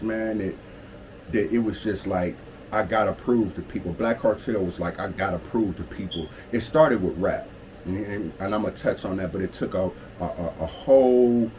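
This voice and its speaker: Low-voiced man telling his story, hum behind. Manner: streetwise slang and profanity, constant "you feel me" check-ins. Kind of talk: casual storytime monologue. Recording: steady air-conditioner hum behind the voice. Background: air conditioning hum.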